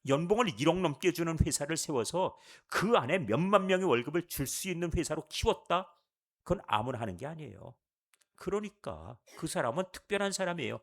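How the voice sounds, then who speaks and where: A man's voice: on the high side, a little fast. A male pastor giving a sermon at a Friday church service, asking the congregation question after question. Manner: animated, rhetorical questions to the congregation.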